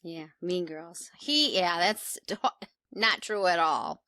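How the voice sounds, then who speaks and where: A woman's voice: lowish voice, slow, pushed and bright, studio quality. A woman in casual, reactive chat as a co-host, agreeable and often echoing what she hears. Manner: agreeable, echoing the other speaker.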